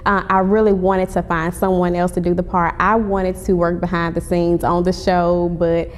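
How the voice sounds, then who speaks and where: Speaking flatly at normal speed, a woman guesting on an interview gives courteous, chatty answers and addresses the interviewer as ma'am. She's a playwright and actress promoting her stage play, and the echoey hall carries a clear rumble beneath her.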